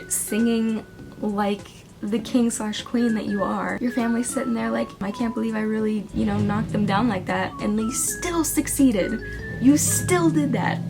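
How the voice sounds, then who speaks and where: A young woman talking casually in a vlog, giving singing advice with a chatty, self-deprecating manner and frequent laughs. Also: mid-range voice. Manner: chatty, self-deprecating, laughs often, breaks into sung demos. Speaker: singing vlogger.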